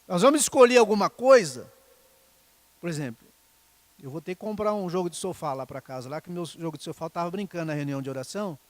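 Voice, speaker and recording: High-voiced pastor, chatty sermon. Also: male voice, no room sound. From Brazil. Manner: conversational, often asking the congregation "tá, irmãos?".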